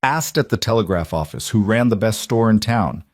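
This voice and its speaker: A man voicing a calm cowboy gunslinger who speaks quietly and matter-of-factly, without boasting. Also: lowish voice, moderate pace, no echo, clean studio sound, lightly acted. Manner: quiet, unboastful, matter-of-fact.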